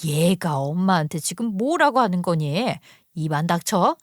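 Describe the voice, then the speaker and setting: A woman's voice: fairly low pitch, very animated, moderate pace, dry recording. Woman putting on a scolding older mother, exasperated, sighing, defensive, dry close read.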